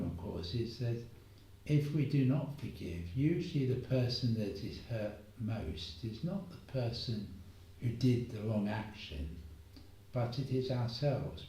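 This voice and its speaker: A man telling a moral story as a gentle, unhurried homily, pausing often. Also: on the low side. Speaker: preacher. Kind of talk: reflective spoken homily. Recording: echoey room, voice far from mic.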